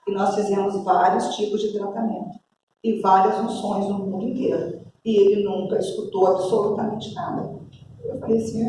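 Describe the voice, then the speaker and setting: A Brazilian woman pastor preaching a sermon, telling a story with lively acted-out dialogue. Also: on the high side, slight background noise. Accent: Brazilian Portuguese. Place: church hall. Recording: echoey church hall, distant mic.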